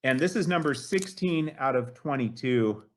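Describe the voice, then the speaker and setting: Animated and medium-pitched, a collector in his late fifties chats casually at a moderate pace as a guest on an interview show. He talks at length with real enthusiasm, filling gaps with "you know" again and again.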